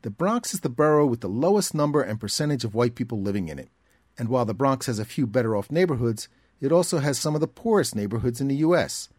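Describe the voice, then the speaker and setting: A man reading a scripted documentary narration in a measured, even way. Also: mid-range voice, no echo, clean studio sound. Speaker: narrator and reporter.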